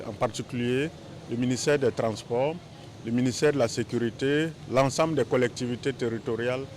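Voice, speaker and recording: A man giving a measured, explanatory interview soundbite. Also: medium pitch, a little hiss or hum.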